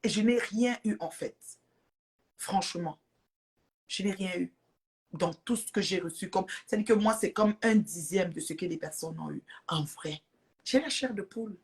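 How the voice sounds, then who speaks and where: A chatty woman talks casually on a live stream, greeting and thanking her viewers between bursts of laughter. She speaks straight into a phone or webcam, with a relaxed, conversational flow. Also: medium pitch, moderate pace.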